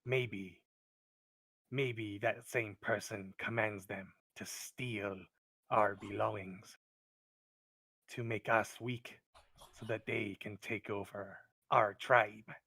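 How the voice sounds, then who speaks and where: A bitter, distrustful male kobold guard, as a man puts him on for a tabletop game. He speaks loud and slow, with a low-pitched voice in a dry, close sound. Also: fairly even intonation, vocal fry, no echo, exaggerated voice. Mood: wary.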